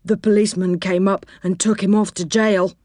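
A woman's voice: medium pitch, little pitch movement, moderate pace, warm tone, dry recording, studio quality, lightly acted. A woman doing a blunt tattling teddy bear.

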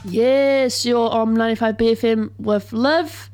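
A woman's voice: on the high side, fairly even intonation, over loud music. Playful New radio host woman. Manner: playful, teasing, quick asides. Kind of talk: casual radio chat. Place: radio studio.

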